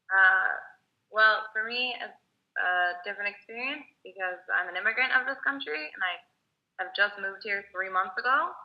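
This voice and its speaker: A woman's voice: medium pitch, normal speed. A young woman from the Bay Area talking casually as a guest, hesitant, with many fillers and restarts. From United States (Bay Area, California). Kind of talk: casual video call chat. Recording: muffled lo-fi call audio.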